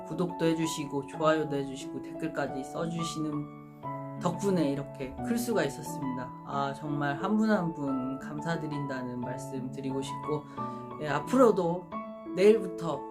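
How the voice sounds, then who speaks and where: Over background music, a deep-voiced woman speaking at normal speed addresses viewers of the sports prediction channel she hosts. Her formal, polite presenter delivery announces a giveaway.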